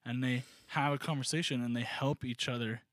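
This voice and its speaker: A man's voice: medium pitch, fairly even intonation, a little fast, a bit bright, no room sound. A man co-hosting a comedy podcast in casual chat, rambling and joking with lots of fillers. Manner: rambling, jokey, many fillers. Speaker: podcast co-host.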